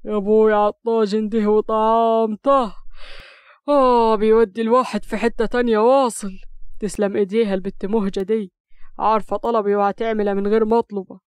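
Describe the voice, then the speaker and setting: A woman's voice: fairly high pitch, fairly even intonation, brisk, a little mellow, clear, resonant tone, no echo, close to an everyday voice. A woman voicing a teasing young husband, speaking with an Upper Egyptian accent in mock-cool banter. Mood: warm, teasing. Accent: Upper Egyptian Arabic. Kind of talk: audio story reading.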